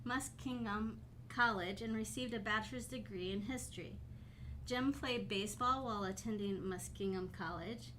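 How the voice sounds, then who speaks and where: A woman's voice: medium pitch, normal speed, fairly bright tone, a little hiss or hum. A woman co-hosting a podcast, reading the show's introduction and joining in the chat. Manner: reads intros, laughs easily. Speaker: podcast co-host. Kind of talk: scripted introduction and casual chat.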